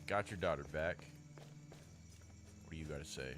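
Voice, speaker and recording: A man's voice: very deep voice, normal speed, noisy background. A man giving casual, laid-back, informal commentary as he plays a video game. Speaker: gamer commentator.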